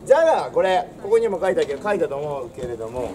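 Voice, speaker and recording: Standing outside by a castle's stone wall, a young man delivers a history lesson in old samurai speech, theatrical and swaggering, projecting as a declamatory storyteller. His fairly high voice swings widely in pitch at a quick pace. The distant recording picks up crowd noise, birds and traffic.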